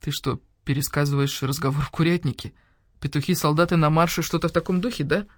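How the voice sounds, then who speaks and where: A composed old badger sleuth asking careful questions, as a woman reads him. He stays polite and unhurried, his lower voice keeping an even, reasoning tone in a dry reading. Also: no echo. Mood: patient. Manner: polite, patient, measured. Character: calm, reasoned elder badger detective.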